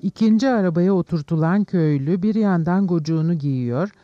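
A man narrating an audiobook in a steady, measured reading. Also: sits high, no room sound. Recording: dull, dry studio sound.

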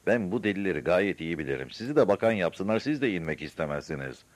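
A man's voice: low voice, very animated, fast talker, no room sound. A man voicing a stubborn old man with a cane in an audiobook, talking in a knowing, matter-of-fact way. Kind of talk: audiobook character voice.

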